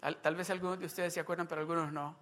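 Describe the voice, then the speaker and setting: A man's voice: on the high side, level tone, racing, a bit bright. A man preaching a sermon, telling a personal story in a conversational way and acting out remembered dialogue. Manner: conversational, with restarts and asides to the congregation. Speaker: pastor.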